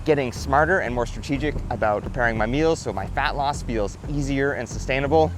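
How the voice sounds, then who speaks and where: A man's voice: medium pitch, fairly quick, noisy background. Upbeat young man narrating a vlog. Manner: upbeat, matter-of-fact storytelling. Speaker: fitness vlogger. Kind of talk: scripted voice-over narration.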